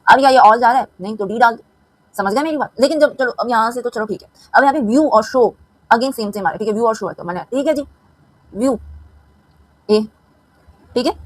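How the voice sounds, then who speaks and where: Fast-talking Indian woman teacher. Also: a little high, dry recording, rough recording. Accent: Hindi-speaking Indian. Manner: chatty, keeps asking if students follow. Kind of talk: explaining a lesson.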